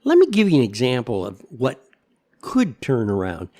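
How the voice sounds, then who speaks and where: A man's voice: medium pitch, huge pitch swings, moderate pace, darkish tone. An older man with an American accent rambles through a back-in-my-day political rant, opinionated and sardonic, throwing in rhetorical questions. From United States. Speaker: commentator. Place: kitchen at home.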